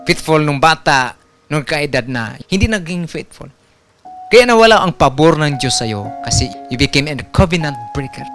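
Male pastor, sermon, emphatic rising delivery, slightly high voice, faint music behind. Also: expressive, normal speed, fairly bright tone. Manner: preaching with rising emphasis, mixing English phrases.

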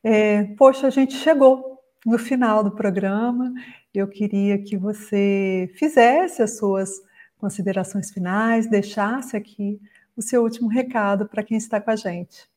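A woman's voice: medium pitch, measured pace. A woman hosting a podcast, affirming her guest and moving the talk toward its close. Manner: warm affirming interjections. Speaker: podcast host. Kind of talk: casual chat.

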